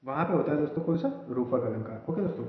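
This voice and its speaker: A man's voice: fairly high pitch, animated, quick pace. Guy teaching a grammar class, keeps saying "right?", super echoey room, kinda muffled lo-fi audio. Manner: explains step by step, often repeats "है ना" and "दोस्तों". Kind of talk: Hindi grammar lesson to students.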